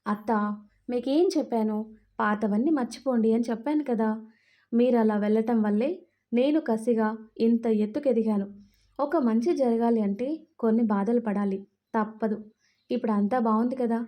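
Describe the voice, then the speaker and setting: A man's voice: very high voice, moderate pace, pauses often. A woman doing a reassuring protective young man. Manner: gently teasing, reassuring.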